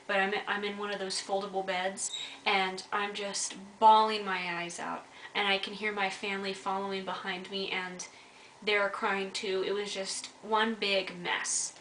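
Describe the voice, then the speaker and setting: A young woman shares a personal story to camera, candid and earnest, her voice bright and clear. The mic sits a little back in a roomy, echoing space with a faint hiss underneath. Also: mid-range voice, flat delivery, a little slow, distant mic. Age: young adult. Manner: earnest, candid, urges viewers directly. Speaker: vlogger.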